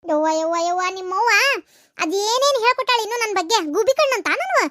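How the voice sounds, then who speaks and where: A woman's voice: extremely high pitch, animated, quick pace, fairly bright tone. A woman voicing a short-tempered village mother-in-law in a cartoon, scolding and cursing in a North Karnataka accent. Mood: indignant. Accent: North Karnataka Kannada. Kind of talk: cartoon voice acting.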